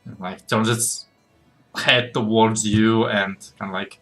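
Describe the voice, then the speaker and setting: A young man narrating as game master for a tabletop game. He speaks slowly, with a low but bright tone. His talk halts often, full of fillers and restarts. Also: flat delivery, faint music behind.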